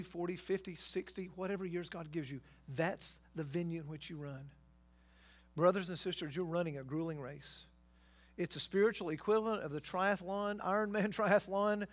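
A man preaching a sermon as pastor, emphatic and exhorting, building to loud exhortations and rhetorical questions. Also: high voice.

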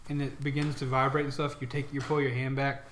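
A man's voice: medium pitch, level tone, fast talker, fairly bright tone, slight background noise. A man improvising narration as the game master of a tabletop role-playing game. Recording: roomy, echoing room sound.

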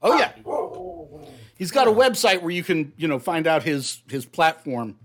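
A man running a tabletop game as game master, talking in a playful, expressive way. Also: a little high, normal speed.

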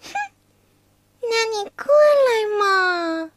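Brief: storybook fake bride played by a woman, high, soft and whiny, teasing, dry close sound. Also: very slow, no echo, exaggerated voice. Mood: coy pouting. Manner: coy, whiny, pouting. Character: monkey hero posing as coy young bride.

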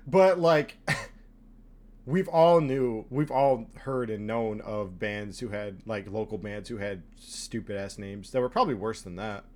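A man's voice: lowish voice, measured pace. Laid-back rambling young man. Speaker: podcast co-host. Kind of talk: casual chat.

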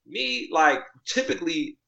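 Male podcast guest, casual and animated, bright tone, heavy slang, dull roomy audio. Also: a little slow, creaky. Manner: animated, jumps in pitch, slangy, repeats "like". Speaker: podcast guest, article writer. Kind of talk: casual conversational storytelling.

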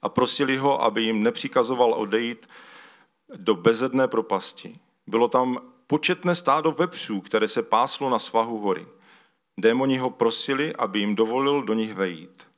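A man's voice: medium pitch, a bit bright. A man preaching a casual, conversational sermon, stopping to ask for slides and reading a scripture passage aloud. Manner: conversational, calls for slides mid-talk; uses loose spoken fillers and restarts.

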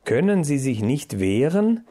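A man's voice: medium pitch, very animated, unhurried, warm tone. A man voicing a curious young male mouse who keeps asking questions. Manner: questioning, eager.

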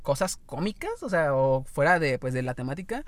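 A man's voice: fairly high pitch, very animated, normal speed, no echo. A young man with a Mexican accent, co-hosting a casual podcast in a rambling, crude and easily amused way. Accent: Mexican Spanish. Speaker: podcast co-host. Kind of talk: casual chat.

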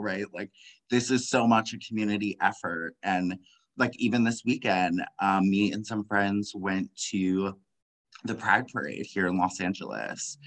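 Impassioned young man with a bright voice. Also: lowish voice, poor audio. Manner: impassioned, many "like" fillers, frequent laughs. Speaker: guest. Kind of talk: casual conversation.

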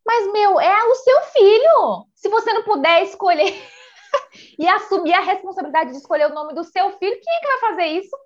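High-voiced woman giving emphatic advice. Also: animated, normal speed, muffled recording. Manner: warm, reassuring, emphatic. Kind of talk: conversational advice.

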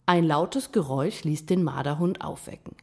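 Female narrator, slightly lower voice, measured expressive storybook reading. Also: gravelly, husky. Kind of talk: reading a children's story aloud.

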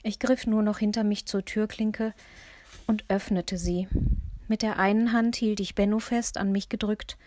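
A woman reading a first-person audiobook in a measured, tense storytelling manner. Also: medium pitch, fairly even intonation, a little mellow, a little hiss or hum. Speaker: audiobook narrator. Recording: dry close-miked studio.

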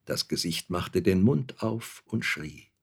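Slow gravelly male storyteller. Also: deep voice, lively intonation. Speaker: narrator. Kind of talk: storytelling reading.

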